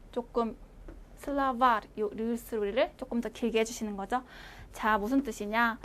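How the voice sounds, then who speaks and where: Female instructor, high voice, speaks clearly and repeats words slowly for students to copy. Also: fairly bright tone. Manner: slow, clear repetition for learners to follow. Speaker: language teacher. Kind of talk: online language lecture.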